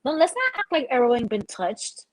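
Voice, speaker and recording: A woman's voice: sits high, sing-song, normal speed, slight background noise, poor audio. A woman, pushing back hard in a casual sports debate and laughing often. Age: 40s. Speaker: co-host.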